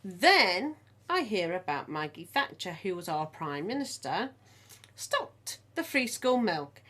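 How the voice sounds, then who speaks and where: A middle-aged woman with an English Midlands accent talks in a loose, casual podcast chat. Her pitch swings up and down animatedly as she tells stories. She laughs often along the way. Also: big pitch swings, takes it slowly, fairly bright tone. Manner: chatty storyteller, laughs often. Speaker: podcast co-host.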